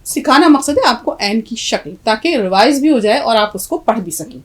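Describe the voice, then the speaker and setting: Higher-voiced woman teaching a class. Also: animated, poor audio. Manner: quizzes students on letters, explains patiently. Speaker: Urdu teacher. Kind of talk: classroom language lesson.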